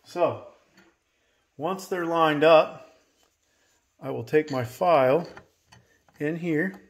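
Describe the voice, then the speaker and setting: Guy in his 30s showing how it's done in his home workshop, folksy, keeps saying okay?, lapel mic, bit high voice. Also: drawn-out words. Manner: folksy, talks straight to viewers, many "okay?" checks. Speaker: chainsaw maintenance presenter. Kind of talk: casual workshop tutorial.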